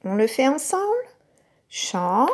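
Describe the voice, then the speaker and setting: A woman teacher giving a recorded lesson to young children, speaking patiently and sounding out each syllable clearly. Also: a little high, animated, slow. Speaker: kindergarten teacher.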